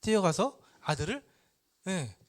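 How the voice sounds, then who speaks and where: A man lecturing at church, retelling a parable with lively storytelling and rhetorical questions. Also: sits high, unhurried.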